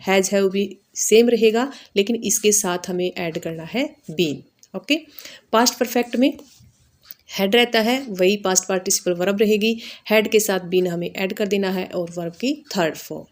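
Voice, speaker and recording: In the style of a grammar teacher, an Indian woman talks through a lesson in a mid-range voice. Each step gets an instructional explanation, with key points repeated and brief tags added to confirm understanding.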